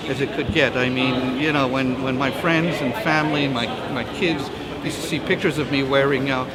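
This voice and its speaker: Halting man with loud crowd behind. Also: medium pitch, fairly even intonation, poor audio. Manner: halting, searching for words. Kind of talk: unscripted statement to press. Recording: loud crowd behind, outdoor press audio.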